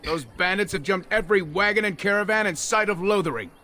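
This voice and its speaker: A man's voice: high-pitched, fairly quick, sharp tone. An actor playing a weary, grateful refugee man who was robbed, speaking earnestly in video game dialogue.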